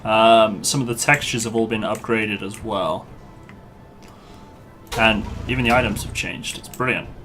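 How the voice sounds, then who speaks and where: A man's voice: on the low side, fairly even intonation, a little slow, pauses often, bright, forceful tone, faint music behind. A man live-streaming a game, chatting casually and informally with his viewers in a matey way. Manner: matey, informal address to the group. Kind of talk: casual live gaming commentary, chat with viewers.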